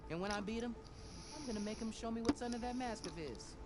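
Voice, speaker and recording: A man's voice: high-pitched, quick pace, heavy background noise, natural voice. An actor playing a boastful young male racer in a video game, brash and taunting. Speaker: game character.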